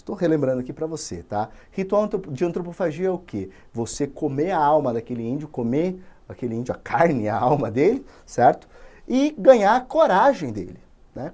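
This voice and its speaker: A man's voice: fairly high pitch, dark tone. A man with a Brazilian accent teaching literature in an informal, slangy storytelling way, full of tag questions.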